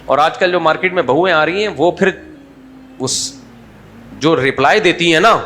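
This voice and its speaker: A middle-aged Pakistani man preaches in a loose, joking way, slipping into mocking asides. His voice sits a little high for a man, and a faint hiss runs under the recording. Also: pushed and bright. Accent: Pakistani Urdu. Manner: conversational, mocking asides, acts out quoted voices. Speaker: Islamic scholar giving a talk. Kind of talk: humorous religious talk.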